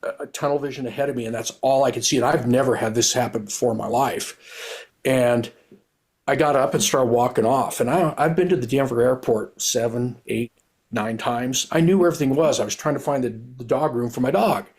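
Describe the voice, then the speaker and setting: A man's voice: mid-range voice, fairly quick, a little mellow, slightly rough. A middle-aged man, a retired police officer, telling his story in a candid, rambling, earnest way, often restarting his sentences.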